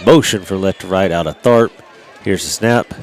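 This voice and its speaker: A man calling a local high school football game on radio, stuffy from a head cold, reading sponsor spots between plays. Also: a little hiss or hum. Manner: brisk play calls and read sponsor spots. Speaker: play-by-play announcer. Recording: outdoor stadium with band music and crowd.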